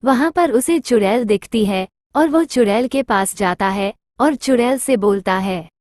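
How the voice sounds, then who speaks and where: A woman's voice: fairly high pitch, a little slow, a little mellow, dry recording. A woman narrating a cartoon story in plain scripted storytelling.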